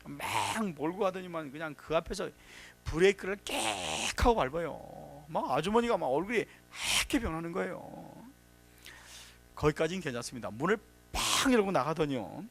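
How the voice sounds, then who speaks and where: A man's voice: on the high side, lively intonation, normal speed, vocal fry, fairly bright tone, faint music behind. A man giving a workshop lecture on safety, telling anecdotes, acting out quotes and giving emphatic warnings. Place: workshop hall.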